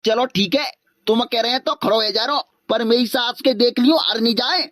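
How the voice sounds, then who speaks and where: Woman, slightly high voice, dry sound, plays a pleading village candidate for laughs. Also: brisk, fairly bright tone, no echo. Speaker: comic sketch performer. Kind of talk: village comedy skit in rural dialect.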